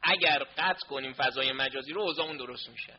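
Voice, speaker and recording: A man's voice: medium pitch, muffled recording, a little hiss or hum. A man presenting a live online class, flustered as he sorts out connection and sound problems aloud. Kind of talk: casual talk during a live online session.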